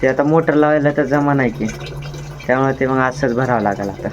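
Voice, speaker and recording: Talking fairly quickly, this young vlogger with a rural Marathwada accent casually narrates his day. The recording is muffled, outdoors and noisy, with the rumble of traffic.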